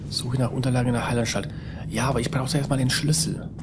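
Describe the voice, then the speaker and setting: A man talks his way through a video game in a casual, rambling manner, muttering to himself and letting out fretful sighs. His voice sits at an ordinary middle pitch. There is a clear layer of background noise under the recording. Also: steady tone, fast. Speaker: let's player. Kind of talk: casual gameplay commentary.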